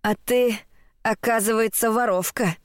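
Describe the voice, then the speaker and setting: A woman voicing a spiteful, trembling old woman who hisses her words slowly and menacingly. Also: steady tone, no echo, studio quality, natural voice. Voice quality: hissing, slow and low.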